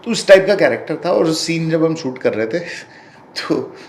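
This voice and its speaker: A man's voice: fairly high pitch, lively intonation, a little slow, roomy sound, a little hiss or hum. A man giving a candid interview as a guest. He talks bluntly and combatively and mixes Hindi with English phrases. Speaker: interview guest, film director.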